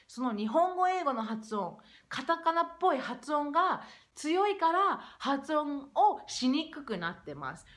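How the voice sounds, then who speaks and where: Young woman vlogging, bouncy up-and-down voice, kinda high, faint music underneath. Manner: lively, switches between English and Japanese. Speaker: English-pronunciation YouTuber. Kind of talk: casual talk to camera.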